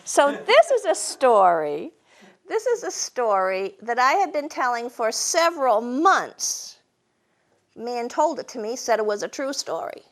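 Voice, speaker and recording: Very animated and a bit bright, this woman speaks in a higher voice at a slightly slow pace. As the humorist hosting the show, she spins comic tales for a live audience with a wry, homespun, chatty manner.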